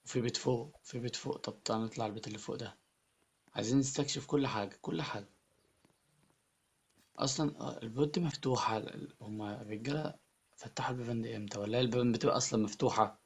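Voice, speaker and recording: A man with an Egyptian Arabic accent giving excitable Let's Play commentary as a gaming YouTuber, often repeating his words. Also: medium pitch, rapid-fire, gravelly, breathy edge.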